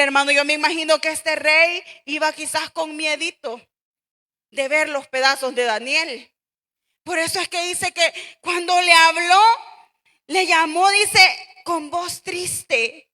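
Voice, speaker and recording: A woman's voice: extremely high pitch, sharp tone, big-room sound. A woman preacher with a Salvadoran accent giving a fervent sermon, often calling out to her listeners as brothers, her voice at times cracking with emotion. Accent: Salvadoran Spanish. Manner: fervent, repeatedly addressing the congregation as brothers.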